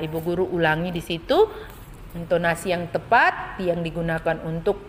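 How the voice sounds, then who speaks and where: A woman primary school teacher giving a recorded lesson to young children, speaking slowly and clearly with much repetition. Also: on the low side, long reverb tail, a little hiss or hum. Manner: slow, clear, repetitive teaching voice with rising sing-song questions.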